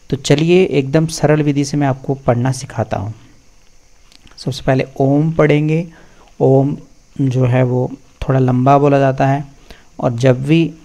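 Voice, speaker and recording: A man's voice: mid-range voice, darkish tone. A man teaching the pronunciation of Vedic mantras, drawing out syllables one by one in a patient spoken recitation lesson. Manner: patient, drawn-out syllable-by-syllable drilling.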